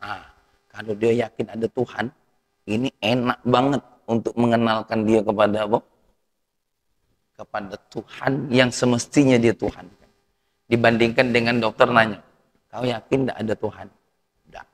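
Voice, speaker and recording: A man preaching a sermon, lively, rising loud to stress points and asking the audience questions. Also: medium pitch, normal speed, long pauses. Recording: long reverb of a hall.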